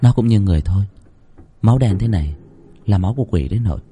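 A possessed young woman in a horror audio story, acted by a man. She speaks flat and unsettlingly calm, as if nothing is wrong. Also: fairly low pitch, fast talker, breathy edge. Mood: eerie calm.

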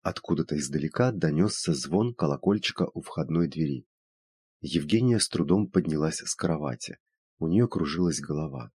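A man reading a novel aloud as narrator, in a steady, measured way. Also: a bass voice, slightly rough, dry recording. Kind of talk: audiobook narration.

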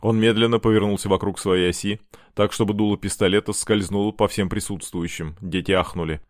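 Low-voiced man narrating an audiobook. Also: fairly even intonation, a little fast, no room sound, studio quality. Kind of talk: scripted narration.

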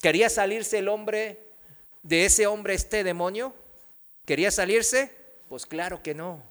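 High, slow, bright-voiced preaching man. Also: clear, resonant tone. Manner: preaches slowly with emphatic pauses and rhetorical questions. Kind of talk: sermon. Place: church.

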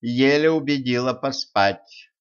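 A man voicing a calm, reproachful woman who lectures in a teacherly tone, on a dull lo-fi recording. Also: medium pitch, unhurried, clean tone, pitched above the performer's own voice, lightly acted.

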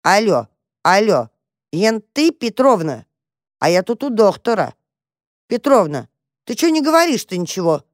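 A woman's voice: mid-range voice, big pitch swings, measured pace, pauses often, no echo, studio quality, pitched above the performer's own voice. A woman voicing a chatty rustic old granny, folksy and nagging.

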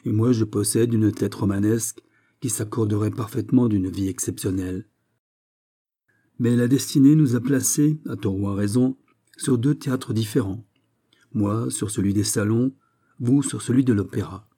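A man's voice: on the low side, mellow, natural voice. A man reading the lines of a passionate young society lady in a story, in a pleading, exalted way. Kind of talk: read-aloud story.

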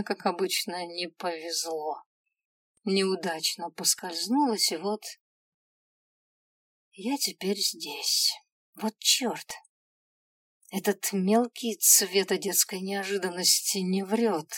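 Expressive woman reading a story. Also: mid-range voice, slow pace, long pauses. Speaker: audiobook narrator. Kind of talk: first-person storybook narration.

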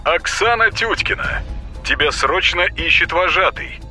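A man doing a perky loudspeaker announcer. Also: high-pitched, expressive, a little slow, faint music behind, pitched above the performer's own voice, exaggerated voice. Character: cheerful young male loudspeaker announcer. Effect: distant corridor loudspeaker. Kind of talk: horror story narration.

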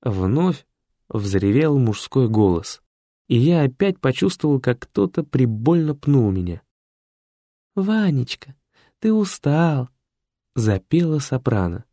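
A man reading an audiobook with lively, theatrical narration. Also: mid-range voice, measured pace, no echo, studio quality. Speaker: audiobook reader.

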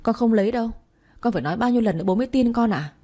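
A woman's voice: medium pitch, animated, fairly quick, dark tone, husky. A woman voicing a wronged teenage daughter who pleads and protests tearfully, in a Vietnamese audio story. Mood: defiant.

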